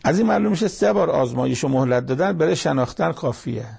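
His voice is on the high side, with lively intonation, gravelly, a little mellow and husky. He gives brief verse-by-verse Quran commentary, telling the scripture story plainly and adding colloquial everyday sayings.

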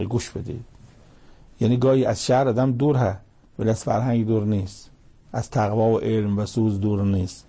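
A man giving a religious commentary lecture in a measured, emphatic way, reciting Arabic verses between his explanations. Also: medium pitch, vocal fry, mellow, breathy edge. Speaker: Quran commentator.

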